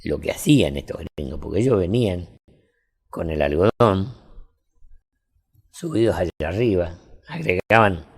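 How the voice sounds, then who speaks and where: Gravelly older Argentine man storyteller. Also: sits low, expressive, moderate pace, pauses often. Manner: folksy anecdotal storytelling. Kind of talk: casual interview chat.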